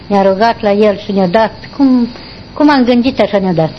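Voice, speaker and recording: An older woman, recalling her past in a rambling, halting way during an interview. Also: mid-range voice, slight background noise. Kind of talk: oral history recollection. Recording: dull lo-fi recording.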